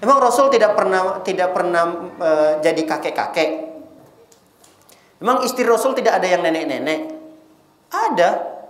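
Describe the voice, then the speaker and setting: A male Islamic preacher giving a casual, lively sermon to a women's audience, often teasing them with rhetorical questions. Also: high voice, normal speed, pauses often, roomy sound.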